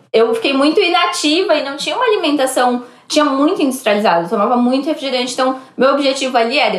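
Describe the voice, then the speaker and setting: A Brazilian woman with a fairly high voice, recorded in an echoey space. She explains things conversationally and reflectively, working through examples as a guest on a talk podcast. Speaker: podcast guest giving advice. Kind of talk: casual explanatory chat. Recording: roomy, echoey sound.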